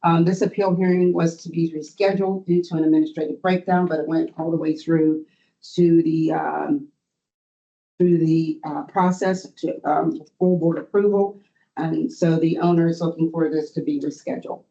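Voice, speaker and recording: Muffled, very soft-toned board administrator. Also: mid-range voice, level tone, normal speed, creaky. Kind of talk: formal meeting report. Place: board meeting. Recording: muffled, band-limited meeting audio.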